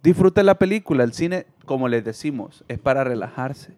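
A young man, co-hosting a casual group podcast with animated, joking rants. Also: medium pitch, moderate pace, no echo. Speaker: podcast co-host.

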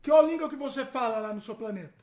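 A woman's voice: on the high side, racing, dark tone. A woman with a Brazilian Portuguese accent, hosting a casual family chat and playfully coaxing a child to answer questions. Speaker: host questioning a child on a live stream. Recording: roomy echo.

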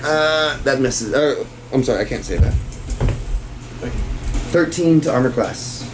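A man's voice: medium pitch, expressive, measured pace. A man acting as game master at a tabletop session, casual and salty-tongued, thinking aloud as he calls out rolls and results. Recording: echoey room with background music.

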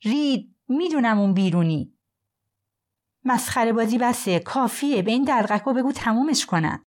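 A woman voicing a panicked man under arrest, pleading and shouting desperately in a storybook reading. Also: on the high side, expressive, pitched above the performer's own voice, close to an everyday voice. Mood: frantic. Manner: frantic, pleading, loud.

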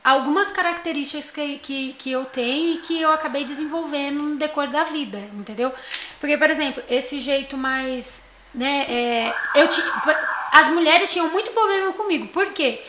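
A talkative young Brazilian woman with a high voice, chatting animatedly as a podcast co-host. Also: normal speed, roomy sound, noisy background. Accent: Brazilian Portuguese. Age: young adult. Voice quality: high-pitched voice. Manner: talkative, animated, laughs often. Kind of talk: casual chat.

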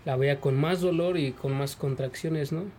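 A Mexican man with a Mexican accent, telling what happened in a plain, halting way with fillers in an interview. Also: fairly high pitch, a little mellow, a little hiss or hum. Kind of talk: personal testimony. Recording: music bed under voice.

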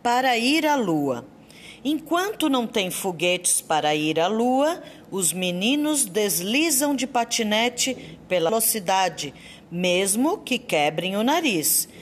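A woman's voice: mid-range voice, a little hiss or hum. A woman, a school library assistant, reading children's poems aloud in a storytelling way. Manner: slow, lively storytelling reading.

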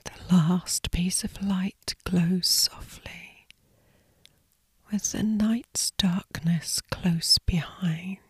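A woman narrating a scripted sleep story as a guided meditation, in a breathy, hushed, soothing whisper. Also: on the low side, fairly even intonation, very slow, dry recording.

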